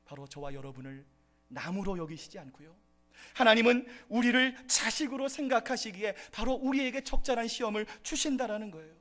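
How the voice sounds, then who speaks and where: A man's voice: high-pitched, animated, brisk, a bit bright. A man preaching a sermon as pastor at a church service, addressing the congregation and rising into impassioned outbursts.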